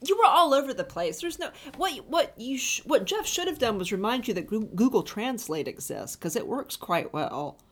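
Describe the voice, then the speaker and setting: Woman author, teasing, laughing, wide-ranging pitch, casual podcast. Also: very animated, moderate pace, few pauses.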